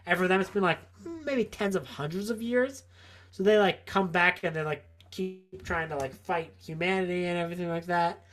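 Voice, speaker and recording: A man's voice: sits high, normal speed, fairly bright tone, soft background music. A tipsy man co-hosting a podcast, rambling through a story with constant filler words. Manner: rambling, lots of filler likes. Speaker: podcast co-host.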